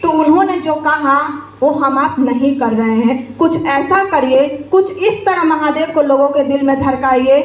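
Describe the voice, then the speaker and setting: A woman's voice: high-pitched, normal speed, few pauses, highs cut off, slight background noise. A woman giving an impassioned devotional sermon from a stage, scolding her listeners with a string of rhetorical questions. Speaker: spiritual speaker. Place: stage before a gathering. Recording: echoey room.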